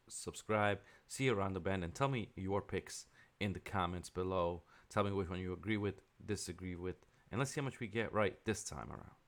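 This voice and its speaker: A man hosting his own sports picks video, giving casual, opinionated commentary with plenty of ums and quick asides. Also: sits low, fairly bright tone.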